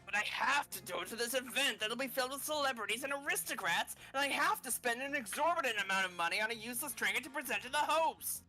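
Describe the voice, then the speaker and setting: A woman's voice: fairly high pitch, animated, quick pace, few pauses, sharp tone, faint music behind, low-quality recording. A woman voicing a boisterous, scheming demon from a game, in a dramatic, exclamatory way. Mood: pleading. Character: boisterous, scheming demon eager to impress and betray.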